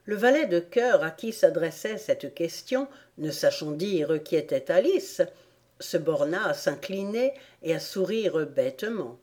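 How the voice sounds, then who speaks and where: A woman reading a children's storybook aloud in a slow, measured narration. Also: lowish voice, lively intonation, a little mellow. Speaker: audiobook reader.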